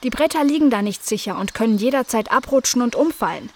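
An eager young female dog in a children's storybook, raised and bright in pitch, bossy when her guests misbehave, as a woman reads her. She talks in warm, firm bursts. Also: lively intonation, fast talker, a little hiss or hum. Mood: scolding. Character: friendly young female dog, garden owner.

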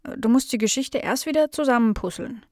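A woman playing a timid little mother mouse, soft and apologetic, storybook, dry close sound. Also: on the high side, animated, fairly quick, no room sound, pitched above the performer's own voice, natural voice. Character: small shy mother mouse.

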